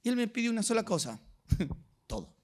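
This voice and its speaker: A man's voice: extremely high pitch, big pitch swings, moderate pace. A middle-aged man with an Argentine accent preaching a sermon, telling stories and asking rhetorical questions. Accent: Rioplatense Spanish. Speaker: pastor.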